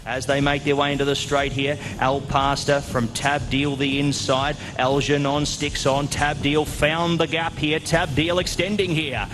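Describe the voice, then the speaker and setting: A man's voice: a little high, flat delivery, unhurried, hardly any pauses. A man calling a horse race live as a race caller, in short running phrases. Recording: music playing behind the voice. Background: music.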